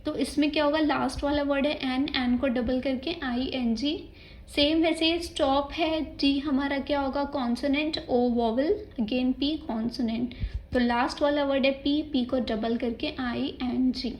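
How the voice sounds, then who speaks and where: A woman's voice: high voice, fairly even intonation, measured pace, a little mellow, low-quality recording. A woman with an Indian accent teaching an exam-prep grammar lesson, explaining each rule step by step and spelling words out letter by letter. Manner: mixes English terms into Hindi speech.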